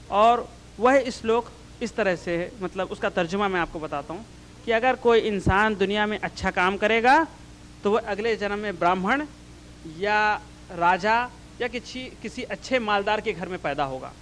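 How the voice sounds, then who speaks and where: High-voiced man giving a public talk. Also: normal speed, a bit bright, slight background noise, rough recording. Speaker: speaker answering audience questions.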